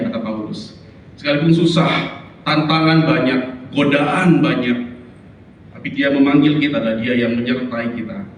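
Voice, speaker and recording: Guy giving a sermon in a big church hall, acts out stories, faint room hum. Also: a little high. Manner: animated storytelling, acts out voices and barking. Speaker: preacher. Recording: echoey hall from far off.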